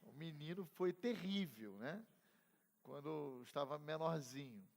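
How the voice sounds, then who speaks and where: A man's voice: fairly high pitch, unhurried, creaky, a little hiss or hum. A middle-aged Brazilian man, a pastor teaching a Bible class conversationally, telling personal stories with humor and asking the class questions. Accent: Brazilian Portuguese. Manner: conversational, asks the class questions and calls on members. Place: church hall. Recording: reverberant church hall.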